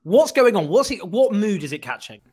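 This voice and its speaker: A man, hosting a political interview over a video call, animated and full of joking asides. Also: high-pitched, normal speed, husky. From northern England. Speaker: host. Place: small room indoors. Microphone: studio mic on a boom arm.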